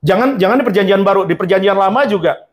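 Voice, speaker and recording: A man's voice: sits high, quick pace. A male pastor preaching a sermon, emphatic and repetitive, mixing in English phrases and acting out quotes.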